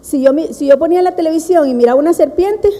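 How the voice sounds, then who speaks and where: A woman with a Costa Rican accent telling a personal story to a seminar audience, lively and laughing at herself. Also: high-pitched, quick pace, in a large hall, poor audio. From Costa Rica. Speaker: seminar speaker.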